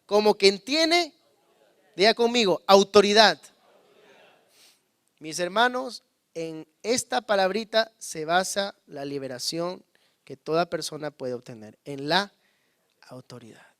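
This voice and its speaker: Man, pastor, high voice, dry close sound, loud and hushed by turns. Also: lively intonation, measured pace, no room sound. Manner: calls on the congregation to repeat words; swings between loud emphasis and hushed low asides. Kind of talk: sermon.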